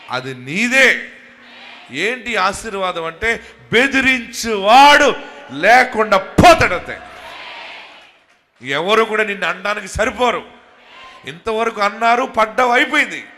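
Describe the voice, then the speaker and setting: Telugu pastor preaching, brightish highish voice, goes soft then shouts out loud. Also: male voice, a little hiss or hum. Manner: swings between quiet intimate talk and loud fervent shouting; calls the congregation to say hallelujah. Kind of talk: Telugu sermon with prayer and promises.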